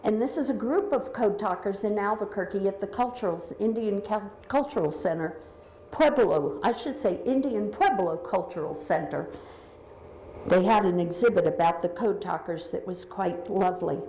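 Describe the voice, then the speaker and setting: A woman's voice: medium pitch, moderate pace. Woman speaking in a big echoing hall. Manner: conversational, explains pictures one by one. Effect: big hall echo through a loudspeaker. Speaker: author giving a slide talk. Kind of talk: lecture presentation. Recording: echoey hall with faint noise.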